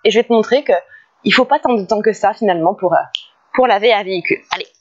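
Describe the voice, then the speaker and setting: A woman's voice: medium pitch, fast, darkish tone, slight background noise. Hesitant woman vlogging, dull lo-fi sound. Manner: hesitant, many fillers and restarts, laughs often. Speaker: car detailing vlogger. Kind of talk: casual vlog talk to camera. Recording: dull lo-fi recording.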